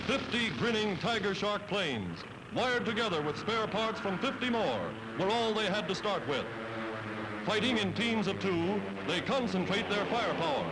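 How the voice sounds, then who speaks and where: Against a noisy background and fairly loud music, a man with a high-sitting voice declaims a scripted wartime newsreel from the 1940s. He's American, his delivery emphatic, and it comes from a vintage soundtrack.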